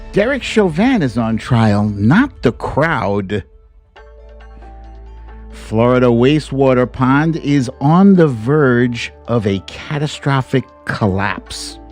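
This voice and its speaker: In a mid-range, slightly mellow voice, an American man in his fifties jokes around while hosting a casual livestream chat, drawing out words for theatrical effect.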